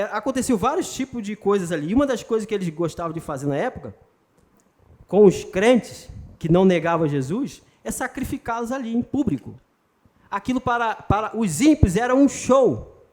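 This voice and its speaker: A man's voice: high voice, darkish tone. A man. He is emphatic but chatty, mixing jokes into his sermon and calling out directly to the congregation in front of him. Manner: emphatic and conversational, joking and addressing the congregation directly. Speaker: pastor. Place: church retreat hall.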